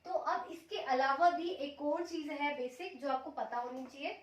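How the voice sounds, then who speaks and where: A woman teaching a language lesson, explaining each rule step by step and patiently repeating the examples slowly. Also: sits high. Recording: echoey room, mic at a distance.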